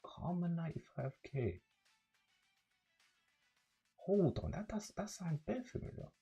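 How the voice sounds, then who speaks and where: A young man with a London accent chatting casually with viewers on a livestream, relaxed and rambling with many fillers. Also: a little high, unhurried, gravelly, slightly rough, muffled recording, soft background music. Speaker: streamer.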